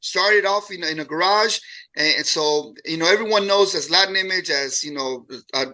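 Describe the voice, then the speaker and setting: A man in his late forties, born in Mexico and raised in Houston, chatting as a musician guest in a relaxed interview and often repeating words as he talks. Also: high-pitched, moderate pace. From born in Mexico, raised in Houston, Texas. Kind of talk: casual interview chat.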